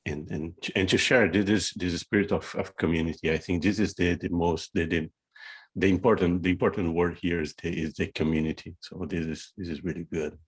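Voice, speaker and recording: A man's voice: low-pitched, fairly even intonation, a little fast, slightly rough. A man in a casual group voice chat who stumbles and repeats his words as he talks.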